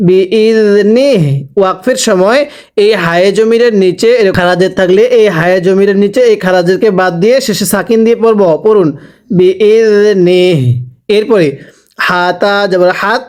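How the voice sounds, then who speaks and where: A man teaching Quran reading, spelling out each letter and vowel mark slowly, then asking the listener to repeat after him. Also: high-pitched, steady tone, a little mellow, clear, resonant tone. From Bangladesh. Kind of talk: slow spelling-out recitation lesson.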